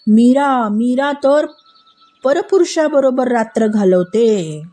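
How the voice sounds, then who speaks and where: A woman voicing two scheming palace maids who tattle in an excited, urgent way in a told story. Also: a little high, takes it slowly.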